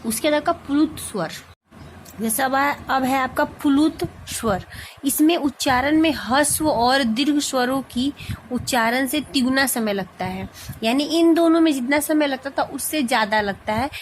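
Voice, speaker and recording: A woman's voice: sits high, normal speed, slight background noise. A woman teaching a grammar lesson, explaining each point patiently and often checking in with her students.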